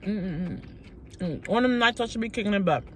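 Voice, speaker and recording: A woman's voice: medium pitch, animated, fairly quick, fairly bright tone, slight background noise. A woman chatting casually in an eating vlog while chewing food, talking to her viewers. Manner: chatty, addresses viewers as y'all. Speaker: mukbang vlogger.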